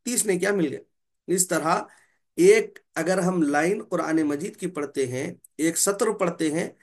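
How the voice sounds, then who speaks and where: Guy teaching tajweed, fairly high voice, says each letter sound slow and repeats it, keeps clearing his throat. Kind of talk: Quran recitation lesson.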